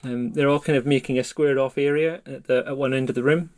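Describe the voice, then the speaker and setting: A man running a tabletop horror game as storyteller, describing scenes in a relaxed, rambling way. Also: mid-range voice, fast talker.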